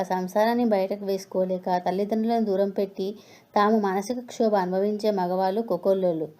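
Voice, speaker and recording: A woman's voice: medium pitch, warm tone, close to an everyday voice. Woman reading as a preachy old retired teacher. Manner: lecturing, preachy. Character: elderly retired male schoolteacher, stern and moralizing.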